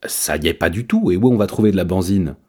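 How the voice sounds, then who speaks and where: A man doing a gruff blunt tomcat. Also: deep voice, lively intonation, normal speed, a little mellow. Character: gruff, practical male cat.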